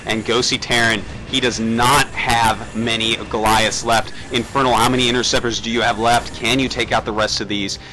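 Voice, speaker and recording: A man's voice: mid-range voice, level tone, moderate pace, hardly any pauses, sharp tone, slight background noise, rough recording. A man doing enthusiastic live commentary, calling out the plays. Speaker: esports co-caster.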